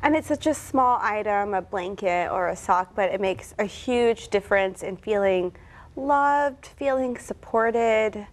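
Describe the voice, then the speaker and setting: A woman's voice: medium pitch, measured pace. A young woman hosting a morning TV news interview in a studio, upbeat and friendly. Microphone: lapel mic.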